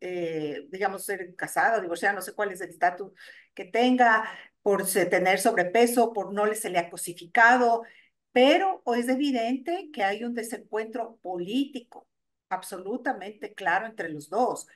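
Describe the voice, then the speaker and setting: A middle-aged woman, speaking as a radio interview guest. She explains things at length, pausing and restarting as she searches for words. Her voice sits at an ordinary middle pitch. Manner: thoughtful, many hesitations and restarts. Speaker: guest, NGO executive director.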